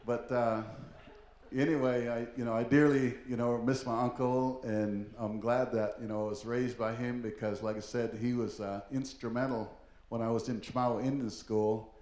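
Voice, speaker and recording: An older man from Oregon tells a story before a live audience, rambling along with plenty of "you know"s and "uh"s. His pitch sits mid-range for a man, and his telling is humorous and unhurried. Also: steady tone, darkish tone. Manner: rambling and humorous, heavy with fillers. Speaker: language teacher and storyteller. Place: performing arts hall, live event.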